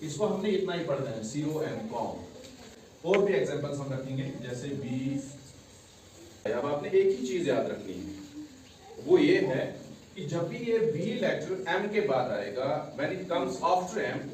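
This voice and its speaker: A man's voice: a little high, very animated, unhurried, a little mellow, recorded from a distance. A male teacher giving a classroom English lesson, repeating key words and quizzing his class. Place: echoey classroom. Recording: echoey room recorded from afar, noisy.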